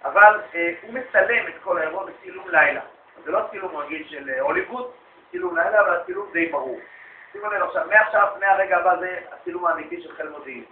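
A man giving a storytelling religious lecture to an audience, lively and anecdotal, acting out the dialogue he quotes. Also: high voice, slight background noise. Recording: echoey, phone-like lo-fi recording.

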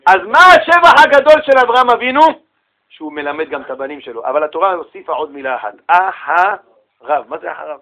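Guy giving a torah class, high bright voice, tells stories with lots of rhetorical questions. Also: rough recording. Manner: animated storytelling, acts out quoted voices. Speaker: Torah teacher. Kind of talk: religious lesson.

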